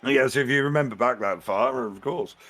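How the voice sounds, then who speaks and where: A man giving casual, chatty live commentary on a board game match, excitable and prone to repeating phrases for emphasis. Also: mid-range voice, moderate pace. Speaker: esports-style match commentator.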